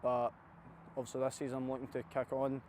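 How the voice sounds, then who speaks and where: A man's voice: mid-range voice, completely flat delivery, quick pace, a little mellow. A man answering interview questions as a newly signed footballer. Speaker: footballer, new signing. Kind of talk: post-signing interview. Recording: faint outdoor background noise.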